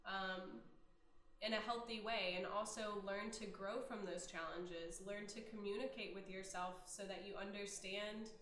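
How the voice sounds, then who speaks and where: A woman speaks slowly and thoughtfully in a casual podcast chat, her voice at a middle pitch. She pauses often with soft "um"s as she reflects. The room around her rings with echo. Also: steady tone, slight background noise. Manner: reflective, gentle, many "um" pauses. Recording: roomy echo.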